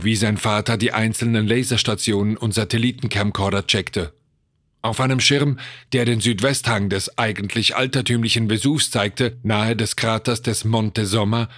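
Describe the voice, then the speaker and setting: A man narrating a tense audiobook story in a measured way. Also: lowish voice, a bit bright, dry recording, clean studio sound.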